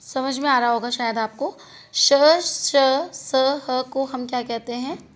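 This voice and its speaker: A woman teaching a grammar lesson, asking questions and answering them herself as she repeats each term slowly. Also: sits high, fairly even intonation, fairly bright tone, poor audio.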